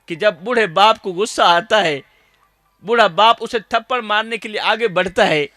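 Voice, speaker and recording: A man with a Saraiki accent and a voice that sits high delivers an emotional, declamatory sermon to a gathering, addressing them as brothers and sometimes rising to shouts. The recording has no echo.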